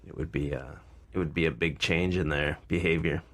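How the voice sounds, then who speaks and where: Low-pitched man with vocal fry. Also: steady tone, brisk, a bit bright. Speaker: podcast co-host. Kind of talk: casual opinionated discussion.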